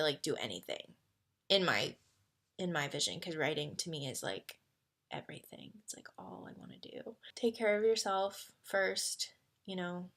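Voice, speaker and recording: A woman in her twenties chatting casually as a vlogger answering fan questions, full of "like" fillers, moving between excited and quiet, earnest talk. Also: lowish voice. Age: 20s. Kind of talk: casual chat.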